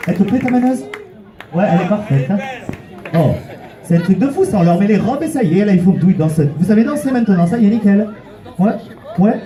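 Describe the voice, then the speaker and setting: Man, street performer, high voice, swooping lively delivery, teasing comic banter, loud crowd around him. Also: quick pace, pauses often. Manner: teasing, playful, calls volunteers "mon cœur"; counts out loud and coaxes the crowd to applaud. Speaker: street performer leading audience volunteers. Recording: open-air recording with a noisy crowd around.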